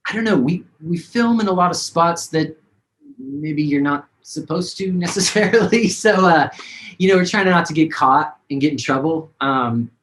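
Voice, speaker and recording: A man's voice: fairly high pitch, expressive, moderate pace, a bit bright, slight background noise, rough recording. A man, a singer-songwriter, talking casually and rambling with many fillers in a video-call interview.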